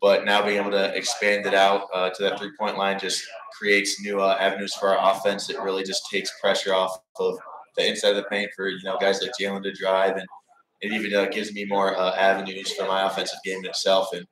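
A young man, a college basketball player, answering interview questions in a steady, polite, low-key way. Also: brisk, a crowd in the background. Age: young adult. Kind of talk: sports radio interview. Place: sports bar, indoors. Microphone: table mic. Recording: roomy bar sound.

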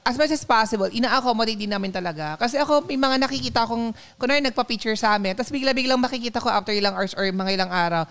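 A man's voice: very high-pitched, fast talker, fairly bright tone, clean tone. A man with a Filipino accent co-hosting a live podcast and telling stories in a casual, chatty way. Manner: chatty, storytelling, mixes English into Tagalog. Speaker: podcast co-host.

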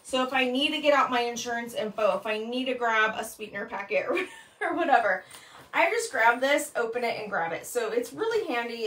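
A bag consultant in her thirties shows off bags in a product vlog, chatty and upbeat with frequent ums. She's in a small indoor room with an echoey sound, the mic set back, and her voice is a little high with a fairly bright tone.

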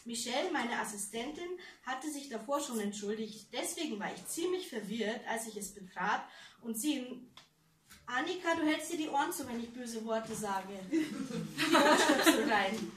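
Author reading to fans, giggly asides; higher voice, distant, faint noise. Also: female voice, expressive, moderate pace, echoey room. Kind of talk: live book reading with banter. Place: fan meeting room.

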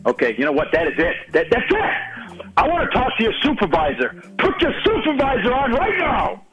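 A man's voice: very high voice, huge pitch swings, fairly quick, a bit bright, faint music behind. A man on a phone call who stammers and repeats himself, growing more and more exasperated. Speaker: prank call victim.

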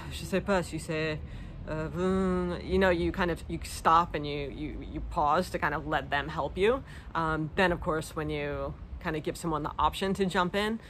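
Fairly low in pitch and a bit bright, this woman's voice belongs to a vlogger in her thirties from the United States with an American accent. She answers viewer questions in a casual, self-deprecating chat, filmed outdoors in a leafy garden where outdoor background noise and garden sounds are clearly audible.

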